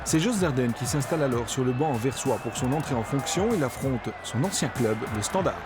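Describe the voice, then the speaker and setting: A man's voice: medium pitch, lively intonation, a little fast. A man reading scripted narration for a football season review. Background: music.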